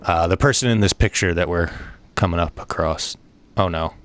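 A man giving let's play commentary on a horror game, swearing a lot, rambling and breaking into excited outbursts. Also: sits low, moderate pace, a little hiss or hum. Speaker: gaming video host.

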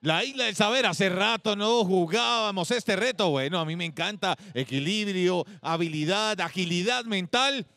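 A man hosting a competition show, commenting in an animated, exclaiming way. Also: high-pitched, normal speed, hardly any pauses, dry recording. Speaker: host.

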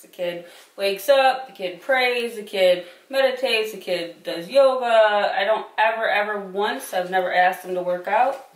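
A middle-aged woman from Michigan, a player's mother, speaking earnestly in a sit-down interview on a living room sofa. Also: medium pitch. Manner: earnest, praising, measured. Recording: roomy, distant mic.

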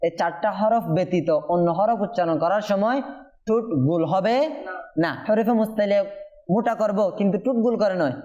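A man's voice: high-pitched, fairly quick, mellow, lo-fi sound. A man with a Bangladeshi Bengali accent teaching Quran recitation in class, patiently repeating questions to his students.

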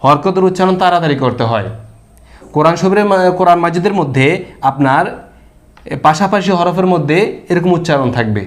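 A man's voice: a little high, a little fast, pauses often. A man teaching a recorded pronunciation lesson for Quran reading, patiently drilling syllables over and over and answering his own questions. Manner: asks questions and answers them himself.

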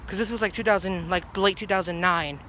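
Brisk, bright, and forceful, this young New Jersey man's high voice keeps a fairly even intonation as he vlogs outdoors with slight background noise. In his twenties, he holds his phone low at arm's length by a brick house in a grassy yard, rambling and getting sidetracked.

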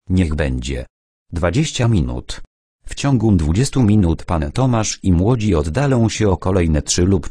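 A man narrating a first-person adventure audiobook in a measured, steady way. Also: deep voice, slightly rough, dry recording, clean studio sound.

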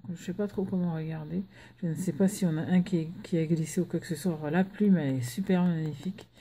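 Soft-spoken woman chatting at home. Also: on the low side, fairly even intonation, fast talker. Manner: chatty, hesitant with many fillers; talking softly while children nap. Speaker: crafting vlogger. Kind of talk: casual unboxing chat.

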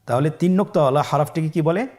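A man teaching Arabic letters in a patient, step-by-step lesson. He drills each letter with long, drawn-out sounds for learners to repeat and adds soft praise after each round. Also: on the high side. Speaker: Quran reading teacher.

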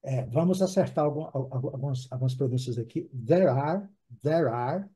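A man's voice: medium pitch, expressive, normal speed, dark tone, breathy edge. A man teaching an online English class in Portuguese, patiently repeating words for drills and checking in with the class.

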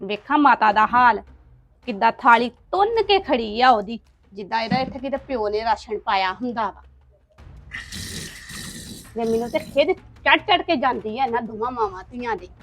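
A sharp-tongued, spiteful sister-in-law voiced by a woman grumbles with scorn. She mutters her complaints bitterly under her breath. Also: a little high, animated, normal speed. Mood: resentful. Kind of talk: family drama acting.

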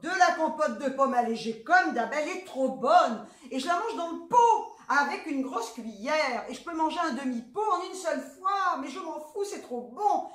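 A woman with a southern French accent and a high, fairly bright voice shows off a grocery haul in a vlog, chatting frankly and cheekily while swearing freely. She's animated, speaks at a moderate pace with hardly any pauses, and the room is echoey.

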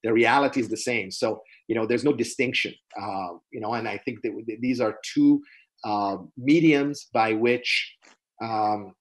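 A middle-aged webinar presenter, a native Persian speaker, answers questions in an unscripted lecture, halting and earnest with many restarts. His voice is medium-pitched. The low-quality recording comes from a webcam on a video call in a small room.

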